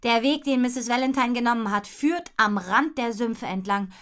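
A woman's voice: fairly high pitch, normal speed, fairly bright tone, close to an everyday voice. A woman voicing a fearless young girl rider who talks with bold confidence.

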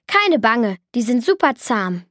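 A woman's voice: a little high, very animated, measured pace, a bit bright, no echo, clean studio sound. A woman voicing an eager, proud young boy in a children's audiobook.

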